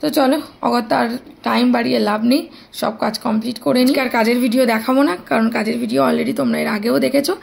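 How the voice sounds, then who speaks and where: Fast-talking young mother vlogging at home. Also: on the high side, fairly even intonation, gravelly, breathy edge. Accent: Bengali. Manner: chatty, speaks softly at times so the baby stays asleep. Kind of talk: casual vlog narration to viewers.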